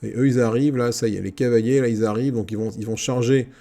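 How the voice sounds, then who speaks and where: Gaming YouTuber, male, mellow and a bit gravelly, chatty, bossing his units around. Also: medium pitch, quick pace. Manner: talks to his troops, excitable outbursts. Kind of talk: casual Let's Play commentary.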